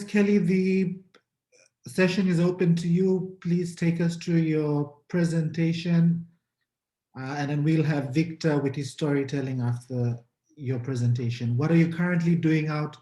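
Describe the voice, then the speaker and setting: Session moderator, man; hesitant and polite, fairly high warm voice, roomy sound.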